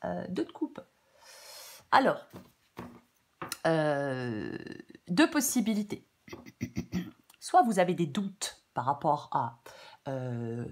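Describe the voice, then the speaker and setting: Casting: female tarot reader, stuffy-nosed with a cold, informal and halting, breaking off into chatty asides. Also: deep voice, big pitch swings. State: congested blocked nose from a cold. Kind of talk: casual off-the-cuff tarot guidance.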